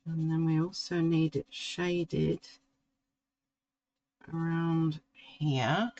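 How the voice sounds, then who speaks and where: Unhurried art tutor, a woman, gravelly and musing aloud as she works. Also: sits low, little pitch movement, darkish tone, highs cut off. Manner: slow, musing, talks to herself while drawing. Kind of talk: relaxed painting tutorial.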